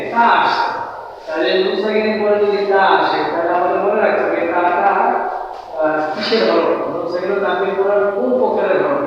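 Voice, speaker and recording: A young male teacher with a Bangladeshi Bengali accent giving an online class on recitation, speaking slowly and chanting example words in a drawn-out voice. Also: sits high, slight background noise. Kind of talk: online class lesson on Quran recitation rules. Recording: distant, echoey, dull room recording.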